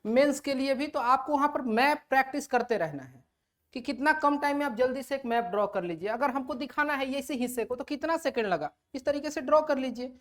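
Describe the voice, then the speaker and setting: A woman's voice: sits high, expressive, fairly quick. A woman teaching a lecture who asks her students questions and then answers them herself, mixing English terms into her explanations. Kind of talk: classroom lecture.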